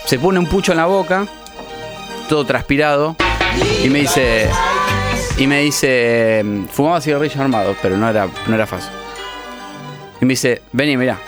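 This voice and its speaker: Un hombre joven con acento rioplatense que cuenta anécdotas con ánimo e imita las voces de otros en una charla casual. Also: male voice, medium pitch, normal speed, long pauses, music in the background. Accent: Rioplatense Spanish. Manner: animated, acts out quoted voices. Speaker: radio show co-host. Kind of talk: casual storytelling chat.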